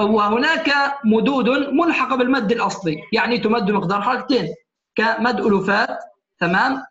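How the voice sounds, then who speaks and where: High-voiced man teaching in echoey room. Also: a bit bright. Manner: patient, keeps checking "alright?" with students. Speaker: Quran recitation teacher. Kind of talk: classroom lecture. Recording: echoey room, muffled lo-fi sound.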